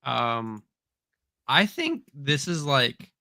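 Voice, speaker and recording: Young dude on a stream podcast, umms a lot, bright sharp voice, dry mic. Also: male voice, mid-range voice, wildly swooping pitch, drawn-out words, gravelly, dry recording. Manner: hesitant, lots of ums and likes. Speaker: podcast co-host. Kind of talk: casual livestream podcast chat.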